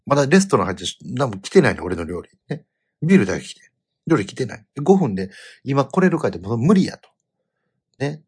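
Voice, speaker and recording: A middle-aged man from Kansai chats about a family trip, getting animated and breaking into loud exclamations. His mid-range voice is husky, and he talks quickly.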